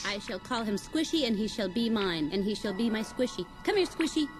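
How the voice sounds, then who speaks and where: A man putting on a high, soft, sing-song voice to coo over a caterpillar he has named. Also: animated, fairly quick, music in the background. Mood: doting.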